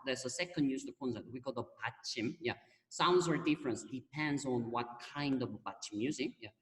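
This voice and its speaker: Korean-accented teacher on a video call. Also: male voice, medium pitch, fast, reverberant, big-room sound, far from the mic, poor audio. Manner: patient, explains with repeated examples and frequent "yeah" and "okay". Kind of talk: online class teaching.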